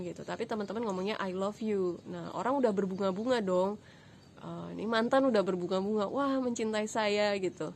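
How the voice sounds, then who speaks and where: Woman from indonesia teaching english casually, chatty and jokey, mid pitch, bit of faint noise behind. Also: darkish tone. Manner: chatty, joking, mixes English words in. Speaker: English tutor. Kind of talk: casual video lesson.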